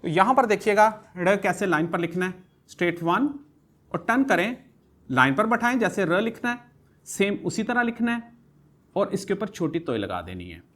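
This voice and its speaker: A man's voice: high-pitched, big pitch swings, moderate pace, fairly bright tone. A male kindergarten teacher giving an alphabet writing lesson. He talks through each pen stroke step by step and patiently repeats each letter sound several times.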